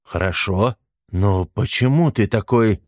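A man's voice: on the low side, a little slow, no echo, studio quality, close to an everyday voice. A man reading an audiobook, voicing a careful, dutiful woman ally. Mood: obliging.

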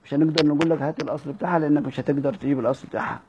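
Man, Egyptian accent, slightly high pitch, grammar lesson, self-questioning, drawn-out verse recitation. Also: darkish tone, husky, muffled recording. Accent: Egyptian Arabic. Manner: drawn-out chanting of quoted verse, quick asides; asks and answers his own questions. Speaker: teacher explaining a classical Arabic text. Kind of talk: colloquial Egyptian lesson mixing classical quotations.

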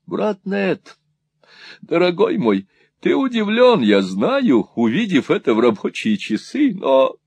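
A man voicing a flustered, kindly elderly gentleman in an audiobook, speaking high, excited and drawn out. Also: takes it slowly, vocal fry, husky, heavily acted. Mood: tender.

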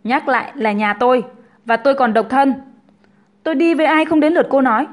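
A woman's voice: high-pitched, steady tone, brisk, voice pushed up, natural voice. A woman reading a story aloud, voicing a cold, blunt young man who talks curtly and with scorn. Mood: scornful. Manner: curt, scornful.

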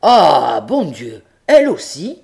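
A woman's voice: low voice, very animated, normal speed, warm tone, voice pushed up. A woman voicing an old male farmer in a storybook, kindly but anxious, exclaiming and scolding his goat. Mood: worried. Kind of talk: storybook character reading.

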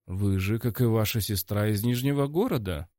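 A man's voice: on the low side, moderate pace, no echo, studio quality, natural voice. A man voicing a pompous, gloomy male academy director who speaks coldly. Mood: formal. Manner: stern and cold, then yelling.

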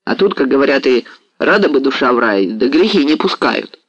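A man's voice: medium pitch, expressive, a little fast, fairly bright tone, slightly rough, no room sound, lo-fi sound. A man voicing an eager young male cossack who talks in a rush of joy and sighs. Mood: sighing.

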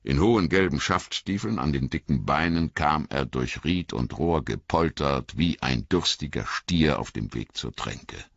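A man reading a story aloud as scripted narration, slow and expressive, in a dull, lo-fi recording. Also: extremely low pitch, creaky, no room sound. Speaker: audiobook reader.

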